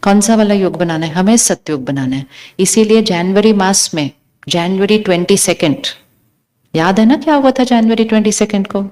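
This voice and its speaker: A woman delivers a spiritual talk to a gathered audience at a middle pitch. She quizzes her listeners and counts off single words in a slow, teaching way. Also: a little mellow. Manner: questions the audience, lists words one by one. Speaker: spiritual speaker.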